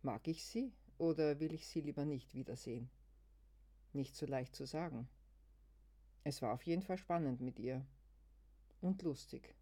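A reader telling a first-person story in a calm, thoughtful voice. The delivery is even and reflective, like a prepared reading. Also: medium pitch, moderate pace, long pauses.

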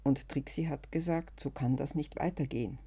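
A reader voicing a calm, quietly odd young man in a storybook, speaking in a soothing, hesitant way, with no strong change from the reader's own voice. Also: fairly high pitch, normal speed, slightly rough.

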